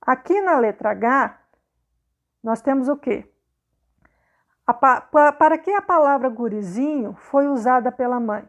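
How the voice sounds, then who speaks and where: A woman teacher with a Brazilian Portuguese accent explains a worksheet in a recorded video lesson. Her voice sits high, and she talks patiently, repeating questions and checking in with her students after nearly every sentence. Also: expressive, unhurried, long pauses, lo-fi sound. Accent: Brazilian Portuguese, not southern.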